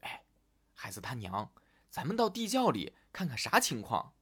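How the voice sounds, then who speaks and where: A man's voice: mid-range voice, huge pitch swings, moderate pace, a bit bright, slightly rough, voice pushed down, heavily acted. A man voicing an impatient old father in a storybook.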